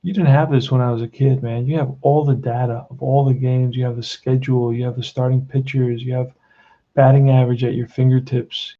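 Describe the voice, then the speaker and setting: Speaking a little fast in a level, mid-range voice, a Queens-accented man in his sixties gives an informal tutorial on his tabletop baseball hobby. His manner is blunt and plain-spoken, and he addresses the listener as "man." The audio's highs are cut off.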